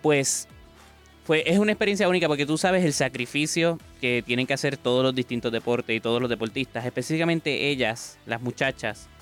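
Smooth-voiced co-host. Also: male voice, mid-range voice, a little fast, fairly bright tone, faint music behind. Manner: conversational, asks long questions. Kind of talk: casual interview chat.

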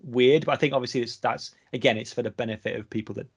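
A man's voice: mid-range voice, fairly even intonation, fast, slightly rough. A young man from England, hosting a casual film review chat with a rambling, filler-heavy delivery.

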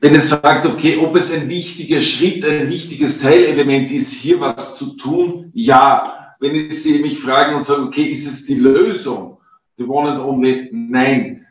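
A man's voice: medium pitch, steady tone, unhurried. A man answering as a panel expert, talking loosely with many fillers and repeated phrases. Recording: distant roomy lo-fi mic.

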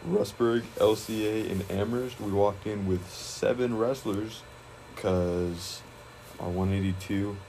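Young man, very low voice, relaxed rambling talk, faint background hum. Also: slow, poor audio. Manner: relaxed, rambling, many fillers and restarts. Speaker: high school wrestler. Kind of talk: casual interview.

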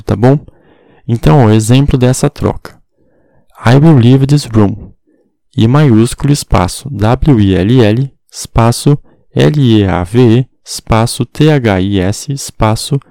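A man with a dark, gravelly voice explains grammar in a steady teaching manner. He spells each word letter by letter and keeps checking that his listeners follow. The sound is dry and close, with no room around it. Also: mid-range voice, no echo. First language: Portuguese. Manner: spells words letter by letter, frequent "tá bom?" check-ins. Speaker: English teacher. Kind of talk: explanatory online lesson.

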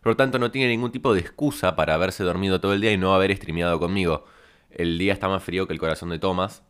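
Low smooth rioplatense guy, deadpan rambling story, goes off on tangents. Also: fast talker. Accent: Rioplatense Spanish. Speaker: podcast host. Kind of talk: comic monologue storytelling.

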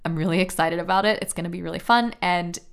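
Upbeat woman podcast host, lowish voice. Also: fast, gravelly, smooth. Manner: upbeat, enthusiastic, promotional. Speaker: podcast host and film coach. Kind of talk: solo podcast intro and promotion.

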